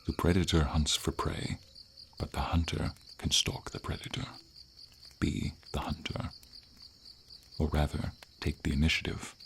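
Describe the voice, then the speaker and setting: A steady hiss of light rain and night insects runs beneath this scripted ASMR fantasy roleplay, where a man heavily acts the part of a gentle, wise dragon. His very deep, gravelly voice is formal, slow and measured, with thoughtful pauses, and his mood is earnest and encouraging.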